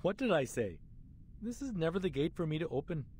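A man's voice: on the high side, very animated, fairly quick, a little mellow, a little hiss or hum. An actor voicing a reluctant, self-doubting male leader in a game, with a dry, self-deprecating delivery. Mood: wry. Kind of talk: game voice acting.

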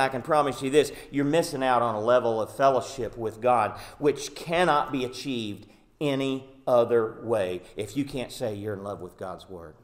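A man who is a pastor, preaching an earnest, emphatic sermon in a church and often filling pauses with "uh" and "um". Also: medium pitch. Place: church sanctuary.

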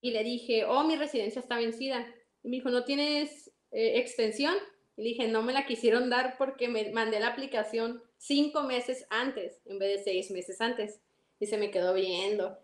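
Young woman, Mexican accent, high voice, animated storytelling, echoey room. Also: moderate pace. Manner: animated, acts out dialogue, laughs often. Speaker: interview guest. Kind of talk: casual storytelling.

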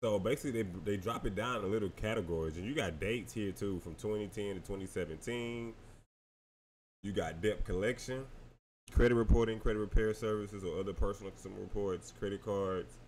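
A man's voice: lowish voice, a little fast, darkish tone, slight background noise. A tired man talking casually and slangy through a screen-share tutorial, addressing viewers as y'all. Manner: laid-back, slangy, talks to viewers as y'all. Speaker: credit repair vlogger.

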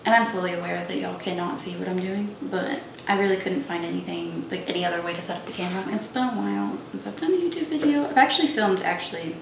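A woman's voice: on the low side, fast talker, vocal fry, hardly any pauses. A young woman chatting casually in her home kitchen while cooking, rambling with lots of "like". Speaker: vlogger. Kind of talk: casual cooking vlog chat. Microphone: camera across the kitchen. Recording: roomy, distant kitchen audio with noise.

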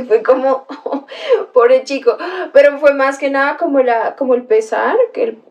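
A young woman, her voice pitched high. She tells a story in a casual livestream chat, full of exclamations and little gasps, and breaks off to greet viewers by name. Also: lively intonation, slow, darkish tone, muffled recording. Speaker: livestream host reading chat.

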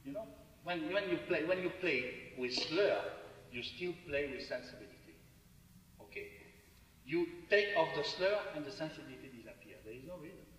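A man coaching a flute masterclass, scatting phrases to demonstrate and talking in halting broken phrases. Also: on the high side, animated, fairly bright tone. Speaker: flute teacher. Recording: roomy hall recording from far off with faint noise.

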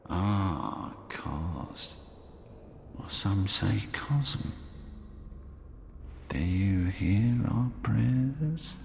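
An actor playing an unhinged, fanatical cultist villain in a video game, theatrical and exalted, with a gravelly voice. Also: male voice, lowish voice, expressive, drawn-out words, long pauses, a little mellow, exaggerated voice. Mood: rapturous, defiant. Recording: long echoing hall reverb, game ambience noise.

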